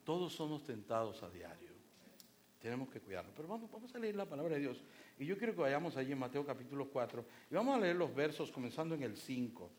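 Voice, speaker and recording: A man preaching a sermon in a lively storytelling way, with sudden shouts for emphasis. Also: medium pitch, fast. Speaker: pastor.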